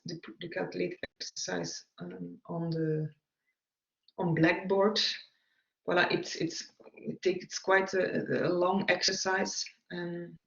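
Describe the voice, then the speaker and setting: A man, an English speaker, giving a recorded navigation lecture in a halting way, with frequent fillers. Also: high-pitched, creaky. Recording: echoey room, dull lo-fi sound.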